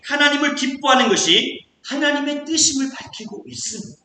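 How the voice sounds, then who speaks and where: A pastor preaching a sermon in a church, animated and acting out the voices of the people in the stories. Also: sits high, a little fast, very echoey, a little hiss or hum. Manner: animated, acts out quoted voices.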